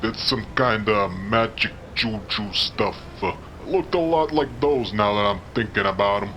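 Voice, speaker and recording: A man's voice: fairly low pitch, unhurried, a bit bright, slight background noise. Man playing a chatty wise-guy doorman. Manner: slangy, rambling wise-guy talk. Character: chummy, chatty male street-tough doorman, dim but friendly. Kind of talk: noir audio drama acting.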